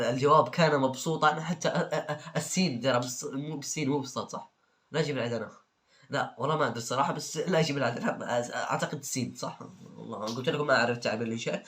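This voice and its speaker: A man's voice: mid-range voice, a bit bright. A young man hosting a comedy video, reading out funny exam answers and reacting with joking, mock-exasperated remarks. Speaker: video host.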